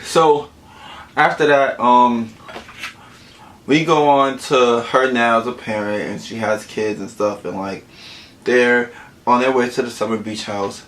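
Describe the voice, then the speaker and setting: A man's voice: mid-range voice, a bit bright, poor audio. A man chatting casually to camera, recapping a film between bites of food, rambling with lots of "like" fillers and self-corrections. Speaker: vlogger. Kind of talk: casual movie recap while eating. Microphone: camera mic, eating on camera.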